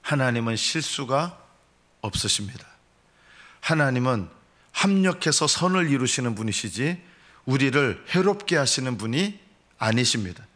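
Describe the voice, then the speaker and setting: A male pastor preaching a sermon at a dawn prayer meeting. He swings between raised, pleading voices and low, quiet solemn lines. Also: sing-song, normal speed. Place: church sanctuary.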